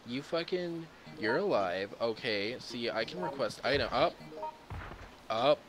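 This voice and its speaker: Profane, animated young gamer guy. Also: medium pitch, normal speed, over music. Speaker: gaming commentator. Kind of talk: casual gameplay commentary. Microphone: own desk microphone.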